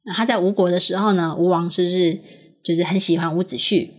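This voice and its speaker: A woman's voice: lowish voice, fairly even intonation, fast talker. A woman, patiently explaining a story to her young daughter, asking questions and laughing often. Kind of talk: casual storytelling chat with a child.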